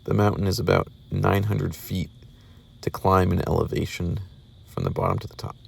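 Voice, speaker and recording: A man's voice: low-pitched, fairly even intonation, creaky, husky. A man narrating casually while hiking a wooded mountain trail, a little out of breath, talking into a handheld phone. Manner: chatty, unhurried, with fillers. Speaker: hiker filming his walk.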